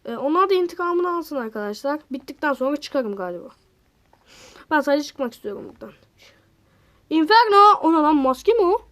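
A woman hosting a gaming channel, giving casual, excitable gameplay commentary, talking straight to her viewers and exclaiming at other players. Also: high-pitched, brisk, pauses often.

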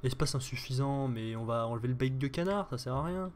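A man's voice: medium pitch, expressive, brisk, slight background noise. A man with a French accent giving casual, joking gameplay commentary as a streamer, thinking aloud as he plays. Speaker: gaming streamer.

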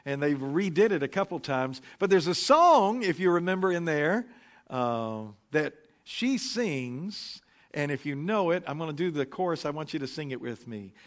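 A man preaching a relaxed, anecdotal sermon into a pulpit microphone, pausing often with fillers. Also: fairly high pitch. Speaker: pastor. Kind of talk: conversational sermon. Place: church sanctuary.

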